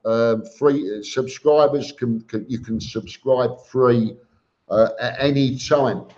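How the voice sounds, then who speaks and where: A man hosts a casual live stream in an unhurried, blunt and matey way, reading out comments and replying. His pitch sits in an average male range and his pace is slow. The audio is slightly dull and lo-fi. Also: steady tone, a little mellow. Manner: informal and blunt, calls listeners mate.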